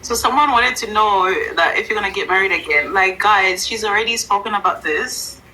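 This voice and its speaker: A woman in her late twenties chatting casually on a live stream, agreeable and quick to laugh. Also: mid-range voice, sharp tone, a little hiss or hum, rough recording. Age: late 20s.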